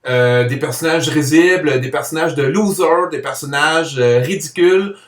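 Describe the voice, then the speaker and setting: An adult Quebec French man, a comic book author with a mild stutter, gives a personal testimonial to camera about stuttering. His voice is on the higher side and moves at a normal speed, recorded from a distant microphone with a roomy echo.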